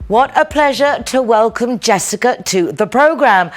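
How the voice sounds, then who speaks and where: A woman's voice: a little high, lively intonation, unhurried, soft background music. A woman hosting a television program in a studio, interviewing a guest in a chatty way and laughing easily. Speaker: TV program host.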